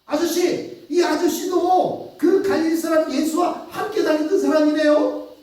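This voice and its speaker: Nosy young servant girl, male preacher acting, high pitch, accusing, distant, booming hall echo. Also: steady tone, measured pace, darkish tone. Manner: raised pitch, exclaiming "어?". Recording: echoey church hall from far off.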